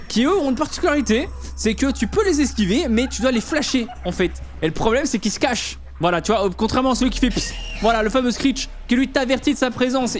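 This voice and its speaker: A man giving casual commentary on a game, explaining things to the viewer in informal, slangy language. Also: sits high. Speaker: gaming video host.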